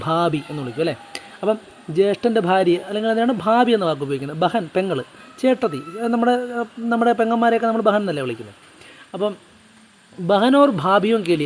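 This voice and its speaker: A man teaching a Hindi lesson to students. He reads the text slowly and explains it, asking the class questions and answering them himself. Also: sits high, a little hiss or hum.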